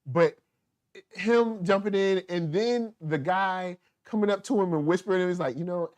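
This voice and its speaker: A man with a slightly high voice talks in a loose, animated way, laughing often and slipping into quick impressions of characters. The sound is dry and close, with no room around it. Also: no room sound. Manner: animated, laughing, acts out quotes. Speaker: podcast host. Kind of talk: casual chat reviewing a TV episode.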